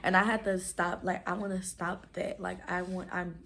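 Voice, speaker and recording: Woman in her twenties, slightly low voice, casual vlogger who talks fast and rambles with lots of fillers. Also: level tone, creaky, a bit bright, slight background noise. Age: 20s. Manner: fast rambling talk, stumbles over words; many "like" fillers. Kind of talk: casual chat to camera.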